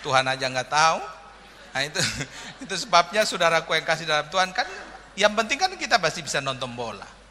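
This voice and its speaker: A man with a fairly high, bright and forceful voice preaches in a jokey, humorous manner. He often calls out to the congregation for an "amin". His voice rings with the long reverb of a church hall. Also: very animated, fairly quick. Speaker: pastor. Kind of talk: sermon.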